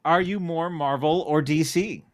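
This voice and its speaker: A man with a slightly higher voice hosts a podcast and steers the questions. He hesitates often, filling pauses with ums and uhs. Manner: hesitant, many filler sounds, leads the questions. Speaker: podcast host. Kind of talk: casual podcast interview.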